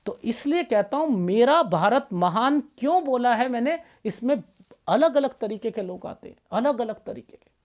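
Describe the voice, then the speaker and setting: A man's voice: extremely high pitch, expressive, normal speed, dull audio. A man, a palmist, talking casually and bluntly to his viewers, lecturing and scolding them. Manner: blunt, straightforward talk.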